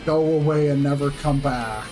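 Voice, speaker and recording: A man's voice: on the high side, moderate pace, over music. A man streaming a video game, making wry, offhand remarks that trail off. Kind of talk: casual let's-play commentary.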